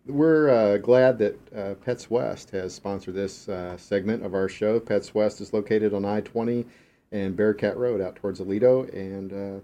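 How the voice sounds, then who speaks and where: Easygoing low-voiced male radio co-host. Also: moderate pace, mellow, lo-fi sound. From Texas. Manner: easygoing, chuckles often, explains at length. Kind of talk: casual radio chat.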